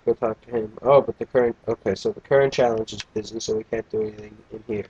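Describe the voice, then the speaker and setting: A man's voice: on the low side, steady tone, fast talker, warm tone, slightly rough, highs cut off. A young man casually commentating a video game, tired and yawning, with a crude, joking, rambling manner. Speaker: let's play gamer.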